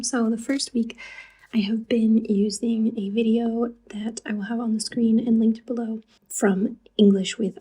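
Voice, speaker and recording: A woman talking casually to camera about her own language learning, soft-spoken and drifting into a breathy near-whisper, with chatty asides. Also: on the high side, low-quality recording.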